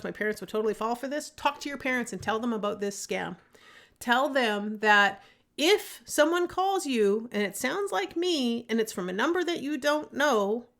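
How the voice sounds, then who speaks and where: A woman's voice: fairly high pitch, a bit bright. A woman in her thirties hosting a solo podcast, talking casually and earnestly with many fillers and restarts. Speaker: podcast host.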